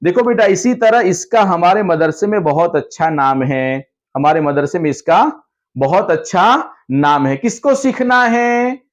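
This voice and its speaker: A man's voice: a little high, lively intonation, unhurried. A man, an Islamic scholar, showing madrasa teachers how to teach children, acting out the questions and the children's answers in a patient, repetitive, encouraging way. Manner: acts out classroom exchanges, asking children questions and answering for them. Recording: dull lo-fi recording.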